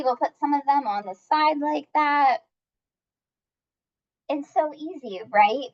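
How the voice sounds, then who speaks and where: Upbeat high-voiced woman teaching cooking. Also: muffled recording. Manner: upbeat and chatty, talks to viewers while working. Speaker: cooking class instructor. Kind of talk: live-streamed cooking demonstration.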